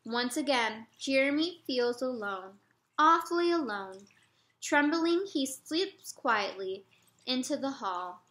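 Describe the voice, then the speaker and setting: A woman reading a picture book aloud, slow, expressive and gentle. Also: high-pitched, roomy sound. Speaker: storyteller.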